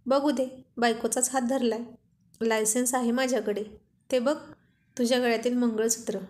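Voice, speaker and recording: A woman's voice: a little high, steady tone, normal speed, darkish tone, close to an everyday voice. A woman voicing a playful young husband who teases his wife affectionately, in a storybook reading. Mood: teasing. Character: loving, teasing young husband.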